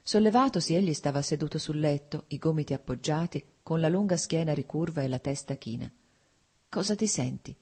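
An audiobook narrator gives a measured, even reading of a classic novel. The voice is mellow and dark, with a husky, breathy edge. The pitch sits in a middle range.

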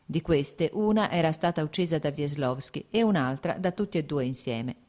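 Low-voiced woman reading a novel. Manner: steady, measured literary reading. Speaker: audiobook narrator. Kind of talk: scripted audiobook narration of a classic novel.

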